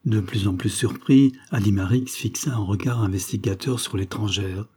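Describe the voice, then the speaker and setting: A man reading a literary audiobook in an even, measured narration. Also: on the low side, breathy edge.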